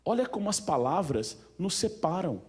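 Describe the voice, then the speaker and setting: A man's voice: sits high, very animated, moderate pace, darkish tone. A man with a Brazilian accent giving an informal talk to an audience at a museum event, chatty and full of questions to the room. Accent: Brazilian Portuguese. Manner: chatty, asks the audience questions, many fillers.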